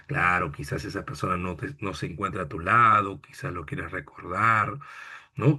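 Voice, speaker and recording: Husky Peruvian man teaching literature. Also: fairly low pitch, a bit bright. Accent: Peruvian Spanish. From Peru. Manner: playful, joking with students, recites poems slowly. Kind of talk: online class lecture.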